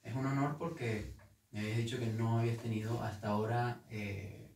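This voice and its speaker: Interview guest, male, Venezuelan accent, earnest and halting, distant mic in a roomy space. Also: medium pitch, steady tone, darkish tone. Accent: Venezuelan Spanish. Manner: earnest, hesitant with repeated words. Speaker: guest guitarist. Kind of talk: casual interview. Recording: echoey room, mic at a distance.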